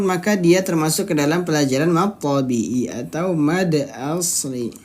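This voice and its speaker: Patient teacher in a live online lesson. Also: medium pitch. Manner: explains rules step by step and quizzes the students; draws out recited words slowly to demonstrate. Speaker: Quran recitation teacher.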